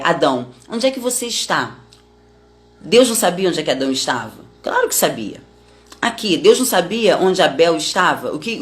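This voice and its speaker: Middle-aged woman with a low-ish voice; relaxed, conversational Bible teacher. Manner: conversational, many tag questions, explains with family examples.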